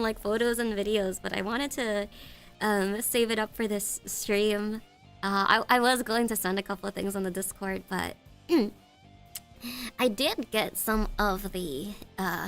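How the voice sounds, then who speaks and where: Chatting loosely with viewers on her stream, this woman from the United States sounds stuffed up, often giggling and fumbling her words. Her voice is on the high side, creaky yet smooth, with a fairly bright tone.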